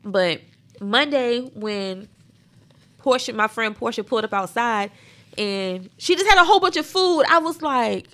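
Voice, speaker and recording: A young adult woman from South Carolina co-hosting a podcast, talking in an expressive, emphatic way. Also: a little high, unhurried. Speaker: podcast co-host. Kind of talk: casual chat.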